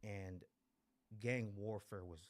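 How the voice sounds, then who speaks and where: In a slow, steady voice on the low side, the man, a forties-aged speaker from Mexico who grew up in East Los Angeles, offers frank testimony at a recovery meeting. He's blunt and profane, circling back to the same phrases for emphasis.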